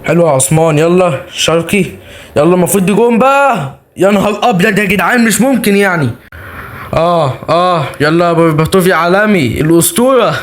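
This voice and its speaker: A young man with an Egyptian accent, hosting a gaming channel and giving excited live commentary as he plays, cheering his players on. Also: sits high, fairly quick. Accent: Egyptian Arabic.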